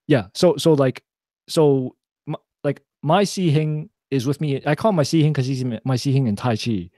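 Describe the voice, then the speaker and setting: A man's voice: mid-range voice, normal speed, dark tone, no room sound, studio quality. A young man chatting casually on a podcast, rambling with many fillers and restarts. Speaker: podcast co-host. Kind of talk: casual chat.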